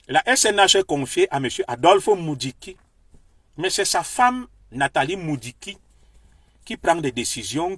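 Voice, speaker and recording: A man's voice: fairly high pitch, fairly bright tone, dry recording, studio quality. A Cameroonian man with a Beti French accent, delivering an impassioned, lecturing political monologue straight to his viewers. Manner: heated, declamatory, lecturing the viewer. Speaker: political commentator.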